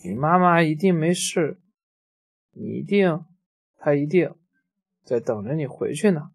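A man's voice: fairly high pitch, normal speed, natural voice. A man playing a big, kindly tyrannosaurus. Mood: gentle. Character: big gruff male tyrannosaurus, secretly kind.

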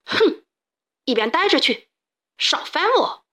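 A woman voicing a stubborn, frightened young chick boy who shouts in a high, panicky voice. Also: moderate pace, natural voice.

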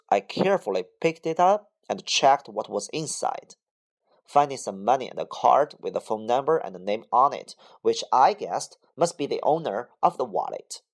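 A speaker reading a model English essay aloud in a careful, expressive way. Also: mid-range voice.

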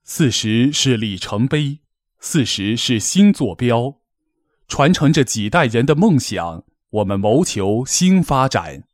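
Serving as master of ceremonies at a formal gala, a man delivers a scripted, poetic address that is solemn, declamatory and measured in phrasing. His medium-pitched voice makes big pitch swings, and the studio-quality recording has no room sound.

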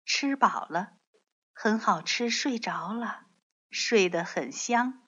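A woman reading a picture book aloud in a soft, expressive storytelling voice. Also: mid-range voice, slow pace, husky. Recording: dull lo-fi audio.

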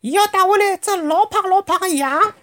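A storyteller voicing small, excitable wolf cubs in a squeaky childlike voice with a Shanghainese accent. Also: brisk. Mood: eager.

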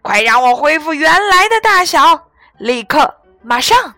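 A woman's voice: a little high, animated, moderate pace, a bit bright, no room sound, faint music behind. A woman voicing a rude, haughty man in a storybook reading, curt and scornful.

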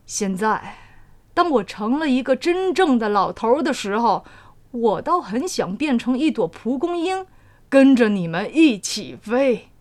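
Brief: a kind old man, still a child at heart, soft and earnest, storybook telling, played by a woman. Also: a little high, very animated, unhurried. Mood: wistful.

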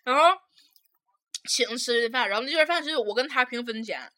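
Speaking at normal speed in an animated, sharp, fairly high voice, a young adult host with a Northeastern Mandarin accent runs a casual storytelling chat. She's blunt and swears freely, laughing frequently as she goes.

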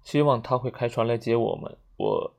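A man's voice: medium pitch, steady tone, a little mellow, lightly acted. A man reading an audiobook, voicing a nervous young man who stammers and loses his composure. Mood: anxious. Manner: stammering, halting, rising panic.

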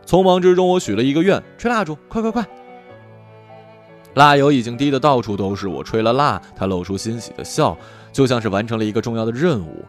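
Calm male storyteller, lively pitch. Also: fast talker, few pauses, faint music behind. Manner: calm, reflective, drifting. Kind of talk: first-person story narration.

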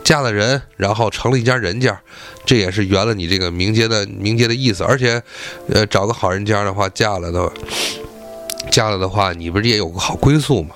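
A man's voice: on the low side, fairly quick, a bit bright, faint music behind. A man voicing a persuasive young male scholar who coaxes and reasons in a chatty way. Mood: coaxing.

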